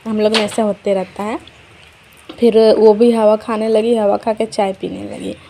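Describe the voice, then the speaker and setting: A woman's voice: medium pitch, flat delivery, a little slow, vocal fry, mellow, low-quality recording. Chatty young woman narrating her vlog. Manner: chatty storytelling, addresses viewers as friends. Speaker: vlogger. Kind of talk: casual vlog voice-over narration. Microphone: voice-over dubbed at home.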